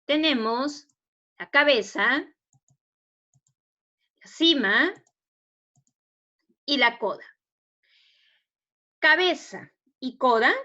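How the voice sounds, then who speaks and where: Peruvian woman teacher, patient and explanatory, slightly high voice, slow pace, dull lo-fi audio. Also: pushed and bright. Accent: Peruvian Spanish. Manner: patient, explanatory, asks rhetorical checks. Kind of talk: spelling lesson for students. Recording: dull lo-fi recording.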